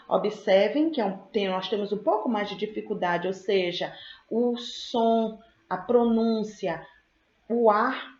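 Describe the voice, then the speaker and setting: A female teacher giving a recorded grammar lesson, patiently explaining, checking in with the class and repeating example words slowly. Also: a little high, darkish tone. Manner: slows to spell out sounds and repeat example words. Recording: echoey, dull lo-fi sound.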